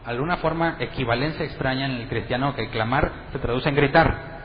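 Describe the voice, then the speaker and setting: A pastor preaches to his congregation conversationally, asking them questions and acting out what other people say. His medium-pitched voice moves briskly. The lo-fi recording has a long reverb tail and slight background noise.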